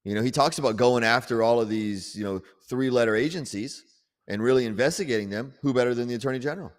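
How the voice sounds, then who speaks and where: Male podcast co-host, mid pitch, rambly and animated, long room reverb. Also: quick pace. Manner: rambling, animated, repeats words. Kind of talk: casual political chat.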